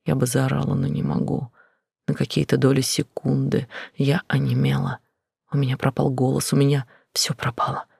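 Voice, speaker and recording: Husky man narrating in a hushed voice. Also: medium pitch, monotone, normal speed, dry recording, clean studio sound. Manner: quiet, intense, often whispered delivery. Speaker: audiobook narrator. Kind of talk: first-person novel narration.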